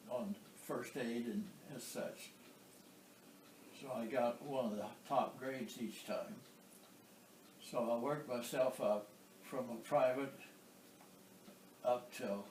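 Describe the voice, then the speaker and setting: Slow, halting elderly American veteran remembering. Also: male voice, mid-range voice, a little mellow. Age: 90s. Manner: old veteran remembering, halting with pauses and throat clearing. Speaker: war veteran being interviewed. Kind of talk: oral history interview, recounting memories. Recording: roomy, distant microphone, some background noise.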